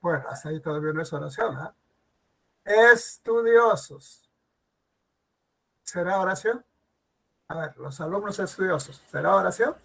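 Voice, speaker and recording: A man teaching a grammar lesson in an online class, who keeps asking the students questions and repeats his examples slowly. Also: high-pitched, lively intonation, vocal fry, fairly bright tone, rough recording. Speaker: language teacher.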